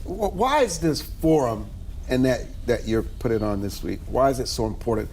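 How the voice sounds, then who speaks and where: A man's voice: mid-range voice, lively intonation, moderate pace, darkish tone, a little hiss or hum. A man hosting an interview, asking brief, direct questions. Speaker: host.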